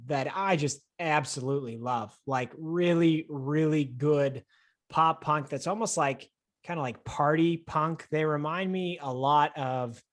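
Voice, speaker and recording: An upbeat man from the Pittsburgh area co-hosts a casual podcast over a remote call. His voice sits a little high, and he talks with easy enthusiasm and quick laughs. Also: fairly bright tone. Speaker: podcast co-host.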